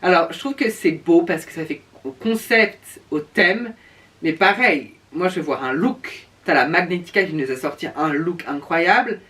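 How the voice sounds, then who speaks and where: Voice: medium pitch, lively intonation, moderate pace, a bit bright. A speaker giving casual reaction commentary in a sassy, campy drag-queen manner, stretching words for emphasis. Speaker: reviewer. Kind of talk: casual reaction commentary reviewing show looks. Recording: distant microphone.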